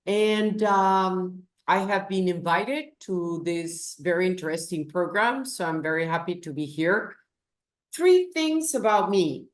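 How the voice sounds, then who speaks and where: Slow-speaking Peruvian-born woman, echoey room. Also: on the low side, expressive. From Peru. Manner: slow, thoughtful, emphatic. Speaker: guest, business executive. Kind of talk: interview.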